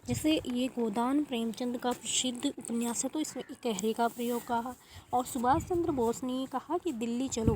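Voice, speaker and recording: Warm-voiced woman teaching grammar. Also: on the high side, a little hiss or hum, rough recording. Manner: step-by-step, corrects herself mid-sentence. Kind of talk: explaining grammar to students.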